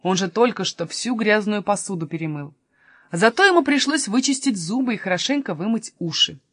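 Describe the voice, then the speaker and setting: Expressive woman reading a storybook. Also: medium pitch, brisk, no echo, studio quality. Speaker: narrator. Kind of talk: storybook narration.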